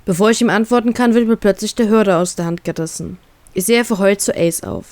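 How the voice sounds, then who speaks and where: A woman's voice: mid-range voice, brisk, no echo. Woman reading a first-person story. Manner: expressive, acting out the tearful heroine's lines. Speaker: fan fiction reader.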